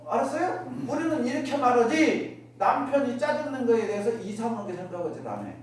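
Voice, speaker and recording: A woman's voice: on the high side, expressive, a little fast, darkish tone, far from the mic. Woman preaching in an echoey hall. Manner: keeps asking the listeners rhetorical questions; acts out everyday remarks in other voices. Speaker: Won Buddhist minister. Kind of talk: dharma talk to a congregation. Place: worship hall. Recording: echoey hall, miked from afar, faint noise.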